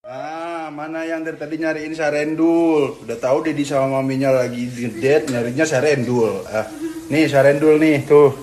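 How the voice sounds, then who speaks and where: A man's voice: on the high side, fairly even intonation, normal speed. A young father, teasing and chatting fondly with his baby in a family vlog. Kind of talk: playful family vlog chat. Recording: loud background noise.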